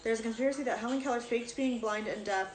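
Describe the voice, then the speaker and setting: A young woman hosting a casual live chat, blunt and quick to swear. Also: on the high side, reverberant, soft background music, poor audio. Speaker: host of a live stream.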